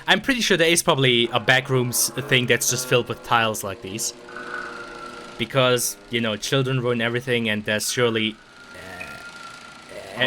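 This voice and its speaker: A young man streaming a video game, rambling in casual commentary with sarcasm, frequent swearing and stammered restarts. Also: medium pitch.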